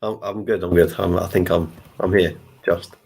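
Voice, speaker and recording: A man, a co-host on a live stream, speaking in a halting way and repeating his words. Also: deep voice, fairly even intonation, gravelly, darkish tone, breathy edge. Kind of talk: casual live-stream chat.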